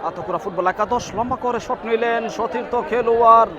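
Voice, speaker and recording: A Bangladeshi man giving live, frantic and excited football commentary, calling the play with drawn-out words. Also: extremely high pitch, dull audio. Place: outdoor football ground. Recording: loud crowd outdoors at a match. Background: crowd of spectators.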